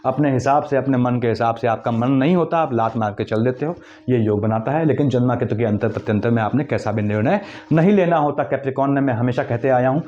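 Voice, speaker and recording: A man giving a quick, lecturing astrology forecast, weaving English terms into his explanations. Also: mid-range voice, dull audio. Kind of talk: monthly horoscope talk.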